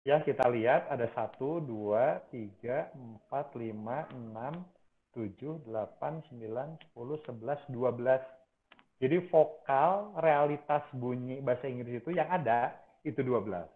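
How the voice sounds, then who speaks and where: A man's voice: medium pitch, a little slow. Guy teaching phonology, keeps repeating sample words, thin phone-ish audio. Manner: explanatory, repeats example words over and over. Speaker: university lecturer. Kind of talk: phonology lecture. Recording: tinny phone-like sound.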